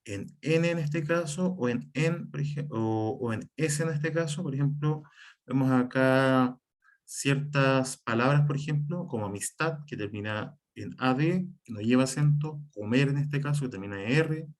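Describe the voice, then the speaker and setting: A man teaching an online writing class, explaining patiently and often pausing for examples. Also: medium pitch. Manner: explanatory, repeats "por ejemplo" and "en este caso", some restarts.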